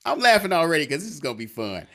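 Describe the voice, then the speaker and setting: A man co-hosting a sports talk show, telling stories in a laughing, animated way. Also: fairly high pitch, racing. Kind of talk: casual sports chat.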